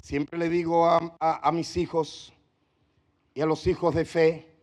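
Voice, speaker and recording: A male pastor preaching a sermon with passion, moving from hushed pleading to shouting. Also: on the high side, little pitch movement, a little slow.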